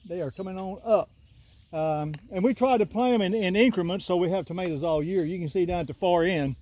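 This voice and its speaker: Outdoors in his rural garden, an older Southern homesteader chats folksily and ramblingly with a drawl, holding his phone on a selfie stick for a casual vlog. His voice is high-pitched yet dark in tone, with a little hiss or hum in the audio.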